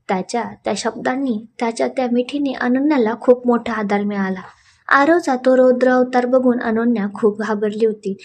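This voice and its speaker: A woman reading a romantic serial story aloud in a dramatic, emotive way. Her voice sits a little high, and she leans into the tense moments. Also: a little mellow. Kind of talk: dramatic audio story narration.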